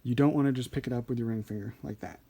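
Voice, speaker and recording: Male tutorial host, soft-edged mellow tone, mid-range pitch, informal and thinking aloud. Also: rapid-fire, gravelly, breathy edge. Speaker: card trick instructor. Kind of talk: casual hands-on tutorial.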